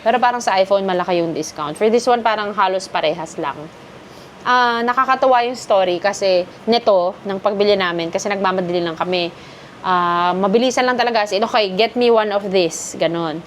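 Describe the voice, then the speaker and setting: A woman's voice: medium pitch, fairly quick, fairly bright tone, slight background noise. A woman from the Philippines chatting casually through a haul vlog, switching freely between Filipino and English. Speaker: vlogger.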